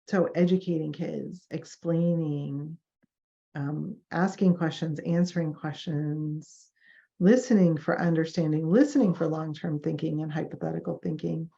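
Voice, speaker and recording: A woman's voice: low voice, creaky, mellow. A woman giving a lecture on professional ethics, talking in a conversational way and acting out clients and doctors in quoted asides. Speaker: therapist teaching a professional ethics session. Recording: dull lo-fi lecture recording.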